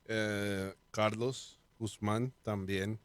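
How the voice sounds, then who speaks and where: Smooth-voiced man hosting. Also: lowish voice, level tone, drawn-out words, no echo. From Colombia (Bogotá). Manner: leads the talk, joking and easygoing. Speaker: podcast co-host. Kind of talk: casual podcast chat.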